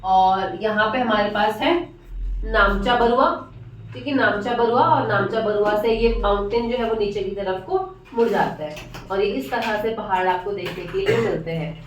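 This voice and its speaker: A woman's voice: medium pitch, moderate pace. Echoey distant woman teacher, mix. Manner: repeats key terms, asks and answers own questions. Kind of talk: classroom lecture at a board. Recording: echoey room from far off.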